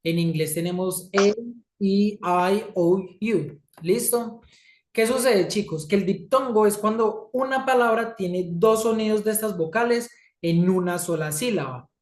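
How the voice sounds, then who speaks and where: With a measured pace and a slightly mellow mid-range voice, this Colombian teacher leads an English lesson. She keeps checking on her students with "¿sí?" and "¿listo?", and the room echoes.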